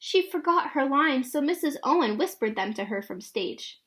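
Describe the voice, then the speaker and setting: Reading a children's picture book aloud at a moderate pace, this woman uses a high voice that swoops lively across a wide pitch range, in an expressive storytelling style.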